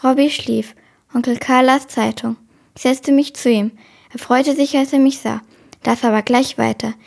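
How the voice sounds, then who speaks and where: A woman reading a children's novel aloud in short, even sentences. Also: sits high, moderate pace, creaky.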